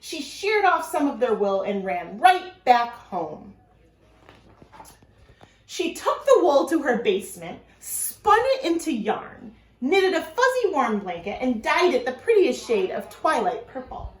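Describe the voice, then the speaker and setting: A woman elementary school teacher, high-voiced and sing-song, speaks a little slowly as she chats informally with her pupils and reads aloud. She addresses the children directly and asks them questions. The recording has an echoey room sound.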